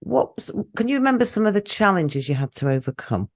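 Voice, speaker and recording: A woman hosting a podcast interview, asking gentle, clarifying questions. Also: medium pitch, big pitch swings, fairly quick. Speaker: podcast host.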